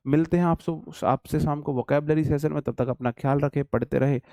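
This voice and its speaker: A man's voice: a little high, steady tone, fairly quick, warm tone, no room sound, studio quality. A man with a Hindi accent teaching an online English class, chatty and teasing his students. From India.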